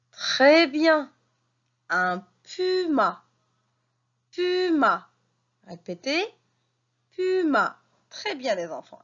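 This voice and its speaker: A woman teacher giving a reading lesson to young children, speaking slowly and clearly and encouraging them to repeat after her. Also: high-pitched, muffled recording. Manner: slow, clearly articulated, encouraging.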